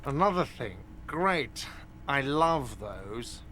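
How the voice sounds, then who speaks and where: A man's voice: medium pitch, very animated, takes it slowly, pushed and bright, a little hiss or hum, exaggerated voice. A man voicing an irritable, sarcastic male cafeteria manager in a video game. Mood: irritated. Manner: sarcastic, curt.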